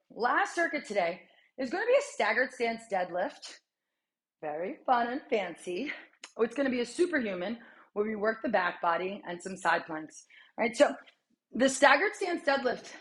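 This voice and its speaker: A woman in her thirties leads a strength workout as she does it herself. She talks in quick, chatty cues, sighs and breathes hard between reps, and her voice sits at a middling pitch. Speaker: fitness coach. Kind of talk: workout coaching while exercising.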